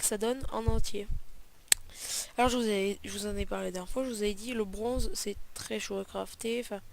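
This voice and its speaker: A woman's voice: medium pitch, slight background noise. A woman hosting a let's play, talking casually and rambling through her gameplay, with frequent fillers and self-corrections.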